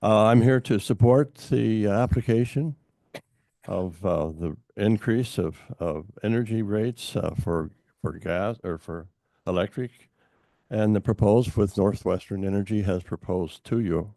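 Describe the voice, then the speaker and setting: An older man speaks at a public hearing in a very low, gravelly voice with a dark tone. He halts often, filling gaps with fillers and restarting phrases. The sound is dry and close. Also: no room sound. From Montana. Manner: halting, many fillers and restarts. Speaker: public commenter at a utility hearing. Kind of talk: formal public testimony.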